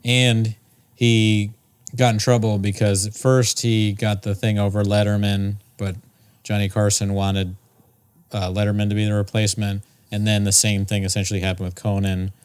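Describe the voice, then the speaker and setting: A man's voice: on the low side, level tone, normal speed, clean tone. A young man hosting a casual podcast, talking in a rambling, jokey way. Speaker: podcast host.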